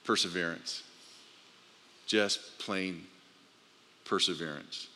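A man shares a personal testimony, stumbling over and repeating his words as emotion rises. His voice is bright and forceful, and it rings out with a long reverb in a large church hall. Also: low-pitched, slow pace. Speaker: speaker giving a testimony.

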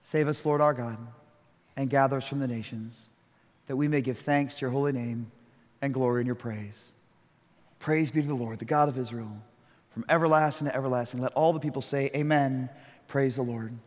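A man in his thirties preaching a sermon, swinging between loud storytelling and hushed, slow reflection. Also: mid-range voice, fairly even intonation, long reverb tail. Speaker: pastor.

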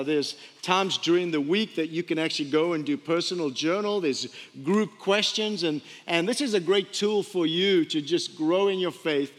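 Male preacher, high-pitched, conversational sermon, rhetorical questions, repeated phrases, long hall reverb. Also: fairly bright tone. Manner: repeats key phrases for emphasis. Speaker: pastor preaching to a congregation. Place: large room, speaking to a congregation.

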